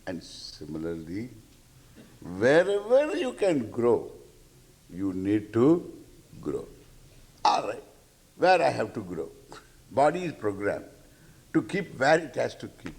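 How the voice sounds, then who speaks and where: A man with an Indian accent delivers a spiritual discourse at an unhurried pace. His pitch moves up and down in a very lively way. He teaches playfully, circling back on phrases and slipping into the part of imagined questioners. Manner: halting, repeating phrases for emphasis.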